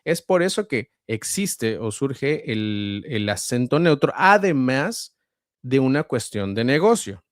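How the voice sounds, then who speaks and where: A man with a central Mexican accent, a voice-over artist and guest, explaining at a measured pace with frequent hesitations. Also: medium pitch, very animated, dry recording, studio quality. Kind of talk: conversational interview answers.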